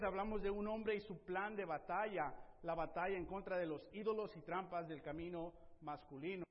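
A middle-aged pastor preaches to his congregation in a high, lifted voice. He urges his listeners on, punctuating points with amens and softening at the ends of phrases. The recording is dull and carries the long echo of a church hall. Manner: exhorting, frequent "amén", drops to soft emphasis at phrase ends. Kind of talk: bilingual church sermon. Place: church sanctuary.

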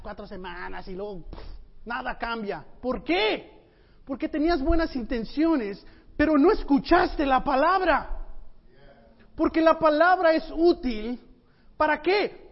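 A man preaching a sermon as a pastor, animated and full of rhetorical questions for the congregation. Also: extremely high pitch. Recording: muffled sound with long hall reverb.

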